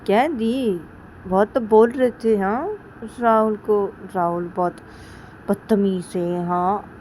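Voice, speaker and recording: A woman's voice: mid-range voice, slow pace, darkish tone, a little hiss or hum, lightly acted. Brief: woman playing a cheeky young wife, needling her sister with question after question. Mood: teasing. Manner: teasing, prodding with repeated questions.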